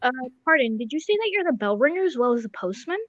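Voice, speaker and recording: A woman's voice: high-pitched, very animated, fast talker, dry recording, dull audio. A woman playing a genteel, mildly fussy doctor, the detective's loyal friend, in a radio drama. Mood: polite, curious.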